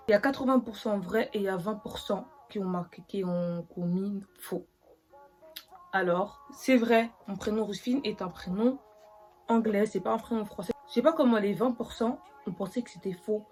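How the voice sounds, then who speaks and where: Une jeune femme qui parle de façon décontractée et décousue, avec beaucoup d'hésitations et de reprises, en répondant aux questions de son public. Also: female voice, medium pitch, a little mellow. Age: young adult. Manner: chatty, rambling, full of fillers and restarts. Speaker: vlogger. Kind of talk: casual get-to-know-me vlog.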